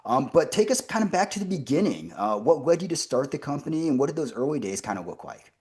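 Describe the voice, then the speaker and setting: A man's voice: fairly high pitch, sing-song, quick pace, darkish tone. Upbeat male podcast host. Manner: upbeat, enthusiastic with fillers. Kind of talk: conversational interview.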